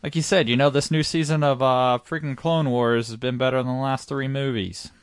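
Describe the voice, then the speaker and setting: A man's voice: medium pitch, fairly even intonation, brisk, smooth, no room sound. A man co-hosting a podcast, talking in a loose, rambling, casual way. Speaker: podcast co-host. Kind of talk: casual chat.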